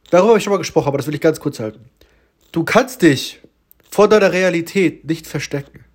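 Congested, tired man with a stuffed-up nose. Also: a little high. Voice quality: stuffed-up nasal sound. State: badly congested, blocked swollen nose; very tired, unwell. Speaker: podcast host. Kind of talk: solo motivational podcast talk, informal.

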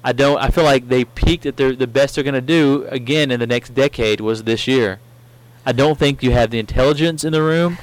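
A man's voice: mid-range voice, a little fast, no room sound, rough recording. A man co-hosting a podcast, rambling with opinions in a casual chat. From near Atlanta, US. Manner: rambling, many fillers, opinionated. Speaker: podcast co-host.

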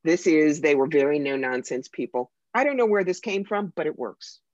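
An American psychic medium talks in an animated, emphatic way with a dry wit. The voice sits in the middle register. The sound is dry and slightly dull, like a modest lo-fi recording. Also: mid-range voice, normal speed, dry recording. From United States. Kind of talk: conversational interview storytelling.

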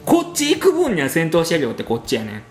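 Animated man with Kansai accent, higher-pitched voice. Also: quick pace, soft background music. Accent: Kansai Japanese. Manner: animated, acts out quoted exchanges. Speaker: podcast co-host telling an anecdote. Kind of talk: casual chat storytelling.

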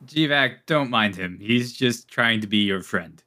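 A man's voice: mid-range voice, animated, measured pace, sharp tone. A man playing a tabletop game, playful and teasing toward the others. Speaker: player. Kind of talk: casual tabletop role-play.

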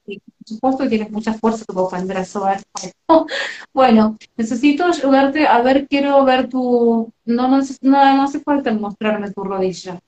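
A woman's voice: on the high side, moderate pace, darkish tone, muffled recording. Tender Rioplatense woman in echoey room. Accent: Rioplatense Spanish. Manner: tender, affectionate, relaying messages. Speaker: medium hosting a live session. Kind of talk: live spiritual reading.

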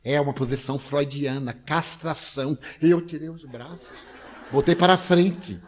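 An older man giving a talk to listeners, telling humorous anecdotes with animated delivery and frequent laughs. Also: fairly high pitch, unhurried. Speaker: lecturer.

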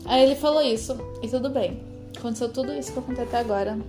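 A woman's voice: on the high side, very fast. A woman in her twenties talking through a rambling, hesitant, confessional personal vlog with lots of fillers. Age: 20s. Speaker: vlogger. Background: background music.

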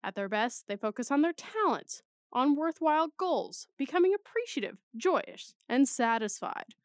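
A young woman putting on a polished news anchor voice in a dry, close recording, slow and emphatic. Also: sits high, sing-song, no echo, voice pushed up. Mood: crisp, upbeat. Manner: slow, emphatic, bright newsreader delivery.

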